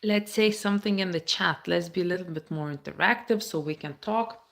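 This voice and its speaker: A woman's voice: lowish voice, brisk, creaky, fairly bright tone. A woman from the states, chatting casually on a phone live stream, reading viewer comments aloud and answering them. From Baltic states.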